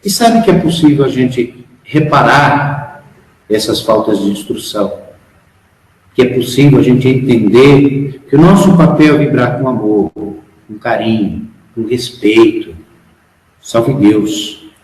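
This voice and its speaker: A man's voice: mid-range voice, takes it slowly, darkish tone. Frank Brazilian man lecturing in echoey hall. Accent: Brazilian Portuguese. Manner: frank, emphatic, asks the audience rhetorical questions. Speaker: spiritual instructor. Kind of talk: spiritual lecture to followers. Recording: echoey hall, long reverb.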